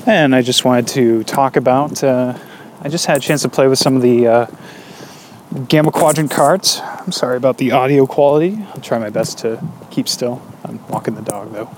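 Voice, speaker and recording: A man hosting a podcast on his own, rambling and hesitant with many fillers, recorded in low quality while walking a dog outdoors. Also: moderate pace, a little hiss or hum. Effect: low-quality audio, recorded while walking outdoors. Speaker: podcast host. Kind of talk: casual solo podcast chat.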